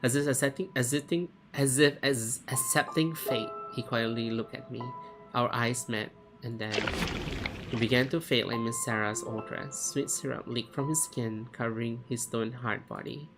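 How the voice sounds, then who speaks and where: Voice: mid-range voice, steady tone, moderate pace, rough recording. A game streamer reading a story aloud. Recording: music behind the voice.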